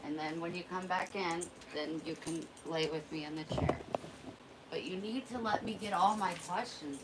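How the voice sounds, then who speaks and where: A woman's voice: lowish voice, moderate pace, background noise. A woman vlogging at home, rambling candidly and confiding in her viewers. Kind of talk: casual chat to camera.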